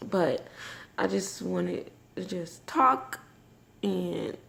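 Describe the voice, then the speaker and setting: A woman vlogging in a personal, confessional way, emotional and tearful after crying, speaking haltingly and reflectively. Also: on the low side, lively intonation, creaky, a bit bright. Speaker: vlogger and mother. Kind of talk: personal, confessional vlog talk.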